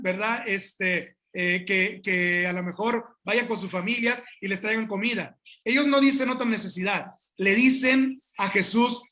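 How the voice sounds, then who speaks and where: A man pastor preaching a sermon, emphatic and addressing the congregation directly, with halting restarts and asides. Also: high-pitched, bright, forceful tone.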